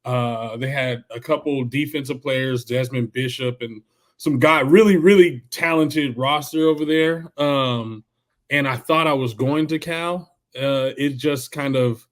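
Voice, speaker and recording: A man from the Bay Area in California, a former football player now coaching high schoolers, telling recruiting stories as a podcast guest. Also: unhurried. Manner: relaxed storyteller, acts out quoted coaches. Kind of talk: casual interview storytelling.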